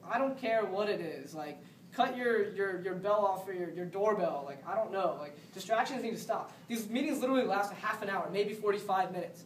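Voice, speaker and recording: A young man runs a team training in a rapid, high voice, casual and pushy, stumbling over repeated words. He sounds set back from the mic in an echoey room, with faint noise behind. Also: recorded from a distance. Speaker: team leader giving a sales training. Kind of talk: motivational training talk.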